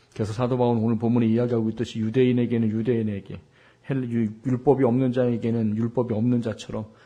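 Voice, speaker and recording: A pastor in his forties from South Korea gives a Sunday sermon drawing on personal anecdotes. His medium-pitched voice sounds warm, husky and worn, and he repeats words for emphasis while asking the congregation rhetorical questions.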